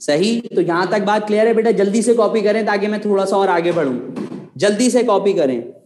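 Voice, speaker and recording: A man's voice: sits high, brisk, a little mellow. A man teaching a physics class online, patiently repeating key points and asking his students rhetorical questions. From Pakistan. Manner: addresses students affectionately as children. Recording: echoey room.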